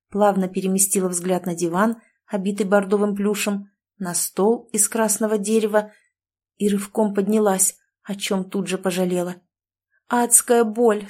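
Woman reading a story aloud, dramatic, warm mellow voice. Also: mid-range voice. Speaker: audiobook narrator. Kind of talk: audiobook narration.

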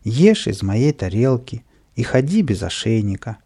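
Storybook old man, soft and forgiving, read by a man in a husky, dark voice. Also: mid-range voice, very animated, measured pace, exaggerated voice. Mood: gentle. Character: very old, gentle man, a former acrobat.

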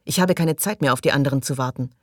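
A man reading a panicked male space explorer in an audiobook, calling out hoarsely and urgently. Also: medium pitch, quick pace, no echo, studio quality, lightly acted. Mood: anxious.

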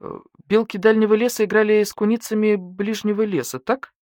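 Woman doing a calm senior badger officer. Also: medium pitch, fairly quick, no echo, studio quality, voice pushed up, natural voice. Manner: calm, even, serious questioning.

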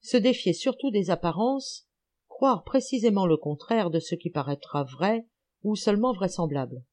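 A woman reading an audiobook, voicing an elderly, gouty male amateur detective who is excited, teasing and lecturing. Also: mid-range voice, normal speed, close to an everyday voice.

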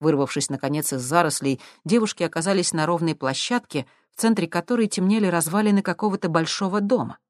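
An audiobook narrator reading in a steady, even storytelling manner. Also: mid-range voice, fast, few pauses, no room sound, studio quality.

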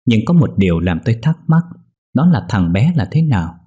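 A man narrating a first-person horror story in a somber, measured way. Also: on the low side, very animated, dark tone, breathy edge. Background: faint music.

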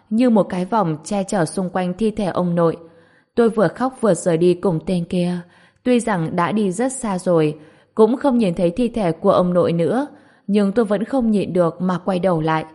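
A woman narrates a first-person story in a steady, even way. Her voice sits a little low for a woman.

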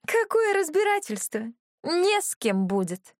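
A woman voicing a haughty, crazed young noblewoman villain who talks in a shrill, domineering, threatening way. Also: lively intonation, normal speed, no echo, clean studio sound. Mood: mocking.

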